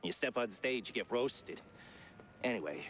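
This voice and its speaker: A man's voice: medium pitch, animated, moderate pace, lightly acted. A man playing a jittery mouse stage designer. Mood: evasive. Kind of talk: cartoon game voice acting.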